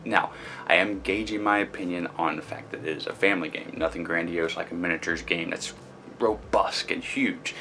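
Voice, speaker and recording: A man with a low, gravelly voice hosts his own board game review channel. He talks loosely and chattily, with plenty of fillers and restarts, explaining the rules one step at a time. Faint noise sits under his voice. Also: fairly bright tone. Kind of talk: casual video review.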